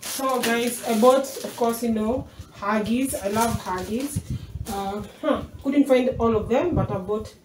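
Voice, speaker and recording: A Kenyan mom vlogger chats through a casual grocery haul in a small home kitchen, unpacking items as she talks and drifting away from the camera. Her voice is a little high and a little slow. The camera mic sits across the room, so the sound is distant, off-mic, echoey and noisy.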